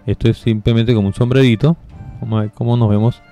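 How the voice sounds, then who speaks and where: Mellow man narrating a game walkthrough. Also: mid-range voice, quick pace, soft background music. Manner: relaxed, step-by-step explaining with fillers. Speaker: gameplay guide narrator. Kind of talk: casual game walkthrough commentary.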